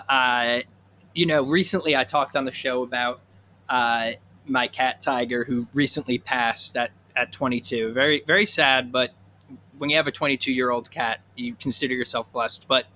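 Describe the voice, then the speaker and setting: A man's voice: medium pitch, sharp tone, slight background noise. A man hosting a podcast, chatting casually and plugging a product with lots of fillers and self-deprecating jokes. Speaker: podcast host.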